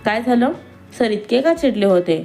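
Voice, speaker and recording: A woman's voice: fairly high pitch, animated, normal speed, gravelly, dark tone. A woman voicing a friendly young female coworker who asks caring, curious questions, with faint music behind. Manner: caring, inquisitive.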